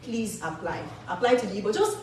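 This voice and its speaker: A woman's voice: medium pitch, big pitch swings, brisk, a little mellow, a little hiss or hum. Woman pumping up a student crowd, far off in a big echoey hall. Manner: upbeat, coaxing, urging the audience. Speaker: student association leader giving closing remarks. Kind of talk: closing announcements at a conference. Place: large echoey event hall.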